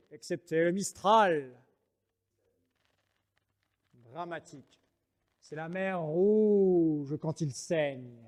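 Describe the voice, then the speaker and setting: A man's voice: a little high, mellow. An actor playing a proud, mocking swordsman poet in a French verse monologue, declaiming like a hammy stage actor. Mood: playful grandiose. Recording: reverberant hall sound.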